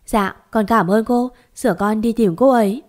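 A woman's voice: on the high side, normal speed, a little mellow, close to an everyday voice. A woman voicing an earnest young man who pleads and stammers as he searches for his lost love.

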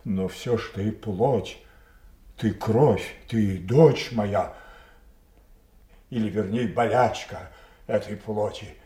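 An actor playing a proud, wounded old king in a classical audio tragedy, declaiming haltingly between hushed grief and thundering rage at his daughters. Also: lowish voice. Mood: grieving, bitter. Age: older. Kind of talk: Russian classical stage tragedy acting, audio play. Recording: roomy, echoing studio audio play.

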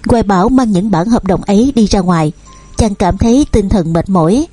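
Husky-voiced woman narrating a novel. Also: mid-range voice, brisk, no room sound, faint music behind. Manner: steady storytelling. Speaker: audiobook narrator. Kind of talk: novel reading.

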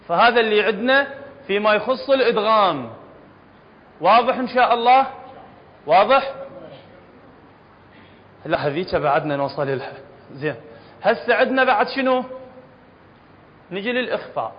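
High-voiced Iraqi teacher in a reverberant hall. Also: male voice, lively intonation, moderate pace, pauses often. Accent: Iraqi Arabic. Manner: questioning students, repeating points patiently. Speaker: Quran recitation teacher. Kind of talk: classroom lesson to students. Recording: reverberant hall, dull lo-fi sound.

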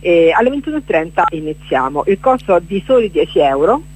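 Her voice leans low and darkish with a breathy edge, swinging widely in pitch at a slightly quick pace over a rough recording. She is a performer guesting on a chatty radio interview to present a stage event, talking haltingly in fragments and repeating words to stress them.

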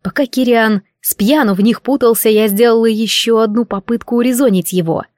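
A woman narrating a first-person novel as an audiobook, with a steady, even delivery. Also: a little high, a little fast, no echo, clean studio sound.

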